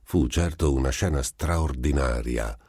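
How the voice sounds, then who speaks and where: A man narrating a literary story for an audiobook in a measured storytelling way. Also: very deep voice, a little mellow, breathy edge, no room sound, clean studio sound.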